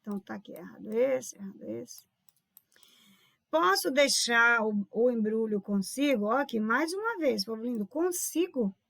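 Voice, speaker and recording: Her voice is on the high side, expressive and creaky with a fairly bright tone, at normal speed; the sound is clean studio audio with no echo. She's a teacher with a Brazilian Portuguese accent explaining grammar exam questions online, checking in with "tá vendo?" and calling her viewers "povo lindo."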